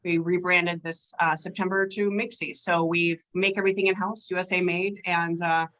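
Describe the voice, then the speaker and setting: A woman in her forties talks as a guest on a podcast, chatty and upbeat with a self-deprecating touch. Her voice is bright and a little low-pitched. The sound is dull and lo-fi. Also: little pitch movement, normal speed. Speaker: podcast guest, sales executive. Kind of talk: casual interview talk.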